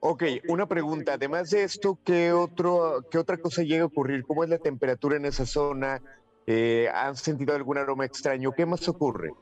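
A man appears as the paranormal expert on a radio talk show. He asks calm, probing follow-up questions. His voice sits a little high for a man. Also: fairly quick, lo-fi sound, soft background music.

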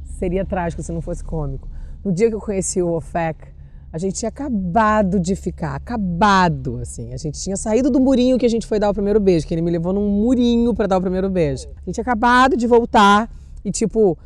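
A woman's voice: mid-range voice, fast talker, no echo. A Brazilian woman in her forties, an actress guest telling casual stories and acting out the people she quotes. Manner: animated, acts out quotes with shrieks. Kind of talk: casual storytelling.

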